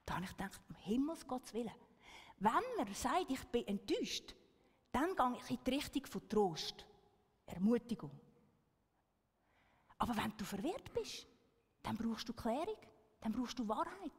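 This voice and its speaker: A woman's voice: a little high, sing-song, unhurried, long pauses, slightly rough, long reverb tail. A woman giving an earnest talk to an audience, often checking in with a questioning "right?". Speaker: speaker.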